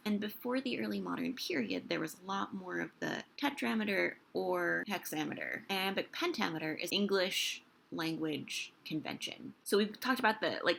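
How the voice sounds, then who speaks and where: A woman giving a casual video lesson on poetic meter, chatty with many fillers, reading verse aloud slowly. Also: fairly low pitch, creaky, a bit bright, husky. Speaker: literature teacher.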